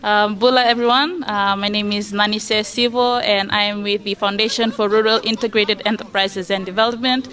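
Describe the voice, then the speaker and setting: A woman's voice: medium pitch, fairly even intonation, moderate pace, few pauses, a bit bright. A woman with a Fijian accent, introducing herself to a group as a representative of an organization. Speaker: representative of a rural development organization.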